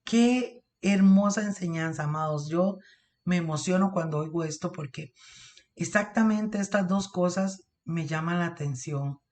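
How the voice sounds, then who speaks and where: A woman's voice: lowish voice, measured pace, a little mellow. A woman with a Costa Rican accent teaching a Bible class, reading verses aloud and explaining them while calling her listeners beloved. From Costa Rica.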